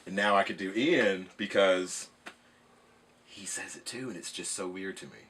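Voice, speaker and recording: A man's voice: low-pitched, moderate pace, a bit bright, breathy edge. A man from Nashville, Tennessee, co-hosting a casual podcast, teasing his guest and swearing freely. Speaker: podcast co-host. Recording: distant mic with faint noise.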